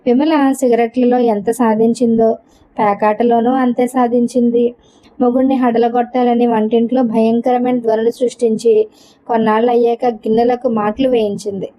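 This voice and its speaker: A woman reading a novel aloud as narrator, in a steady, expressive storybook style. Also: a little high, normal speed. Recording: dull lo-fi recording.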